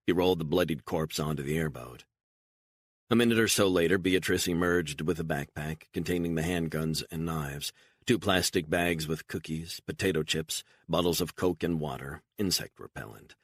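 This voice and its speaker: A man narrating a thriller audiobook in an even, measured way. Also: extremely low pitch, dry recording. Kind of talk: scripted narration.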